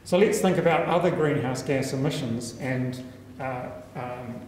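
Speaking into a lectern stand mic in an indoor meeting room, a New Zealand man presents a conference talk as a university researcher. His medium-pitched voice is unhurried and a little mellow, and he works through ideas step by step, often restarting and saying um. The echoey space carries faint room noise.

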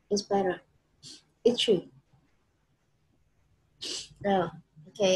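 Husky woman tutoring English. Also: mid-range voice, warm tone, poor audio. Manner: patient, mixes Vietnamese and English, laughs easily. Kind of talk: one-on-one online English lesson.

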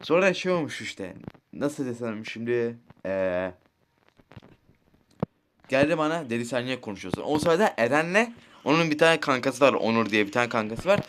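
A man's voice: medium pitch, lively intonation, moderate pace, fairly bright tone, slight background noise. A teenage boy casually telling rambling, crude school stories while playing a mobile game, swearing often and checking in with his listeners. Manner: rambling, crude, swears a lot, keeps asking "right?". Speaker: gaming streamer. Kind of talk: casual storytelling over gameplay.

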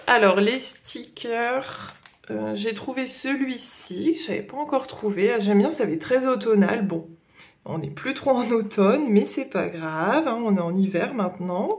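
A woman's voice: fairly high pitch, lively intonation, unhurried. A young adult woman with a Northern French Ch'ti accent chatting casually through a haul, hesitant and full of fillers and "voilà". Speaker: coloring vlogger.

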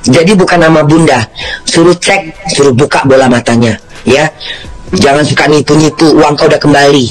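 Loud, rambling woman livestream host. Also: low voice, normal speed. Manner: loud, indignant, rambling with many restarts. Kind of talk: livestream rant.

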